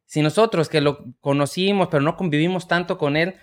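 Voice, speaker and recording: A man in his thirties, a podcast co-host telling a story in lively casual chat and acting out the voices. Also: fairly high pitch, brisk. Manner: animated storyteller, acts out voices, swears freely.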